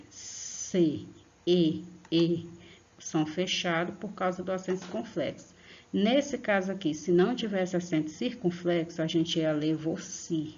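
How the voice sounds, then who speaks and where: A woman's voice: lowish voice, creaky, darkish tone, highs cut off. Patient woman teaching kids. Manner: patient, repeats and draws out sounds, checks in with "tá?"; affectionate toward pupils. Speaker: primary school teacher. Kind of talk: online grammar lesson for children.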